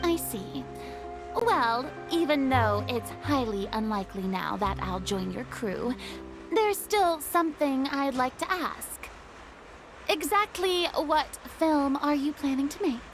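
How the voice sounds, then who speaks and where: Game music plays as a woman performs a vain, dramatic young star for a video game. Her full character voice is high-pitched and animated yet slow, dripping with self-importance.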